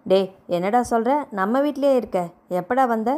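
A woman reading a storybook voices an affectionate, brisk elder sister speaking in a familiar way. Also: on the high side, warm tone, lightly acted.

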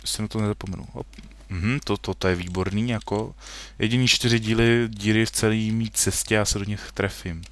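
Young male gamer, lowish voice, loose rambling play-by-play into a computer mic, self-correcting, playful asides. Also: fairly even intonation, few pauses, no room sound. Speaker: gaming video host. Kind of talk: casual Minecraft let's play commentary.

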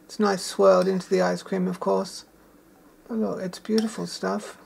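A woman's voice: medium pitch, little pitch movement, normal speed, vocal fry, a little mellow, a little hiss or hum. A woman talking in a casual cooking vlog in a shearing shed kitchen, chatty and enthusiastic, savoring each taste aloud. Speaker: home gardener and cook.

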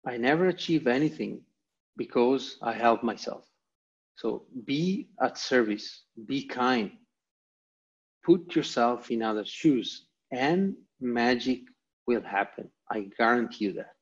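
Taking it slowly, an Italian man from Italy speaks in a husky, expressive, mid-range voice with an Italian accent. As guest presenter of a motivational online lecture, he repeats short, emphatic phrases over a video call with dull, lo-fi audio.

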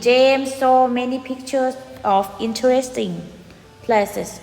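A fairly high-voiced woman with a Thai accent teaches English to young pupils in a patient, step-by-step way and slows down on each English word. She keeps ending phrases with soft polite particles. The room is echoey with a long reverb tail, and faint music plays behind her. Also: steady tone, gravelly. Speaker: primary school English teacher. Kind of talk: online classroom lesson.

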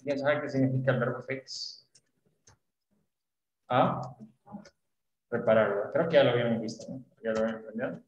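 A man's voice: medium pitch, normal speed, pauses often, reverberant, highs cut off. A man teaching an online English class, explaining patiently and often checking that students follow. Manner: patient, often checks understanding with tag questions.

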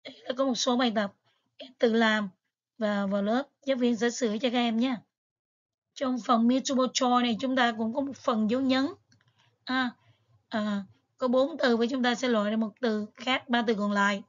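A woman English teacher with a slightly high voice and fairly even intonation patiently reviews exam material step by step, using frequent fillers. She speaks at a moderate pace, and the recording has its highs cut off.

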